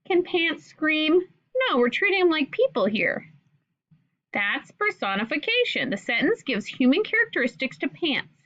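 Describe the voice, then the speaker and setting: A woman teaching figurative language to children, asking questions and sounding words out slowly in an encouraging way. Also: sits high, fairly bright tone. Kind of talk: explaining lesson to children. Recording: dull lo-fi recording.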